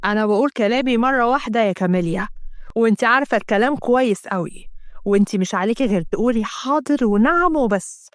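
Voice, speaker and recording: A man's voice: very high voice, fast, no room sound, clean studio sound. A woman voicing a cold, commanding male boss with an Egyptian Arabic accent, giving stern, clipped orders.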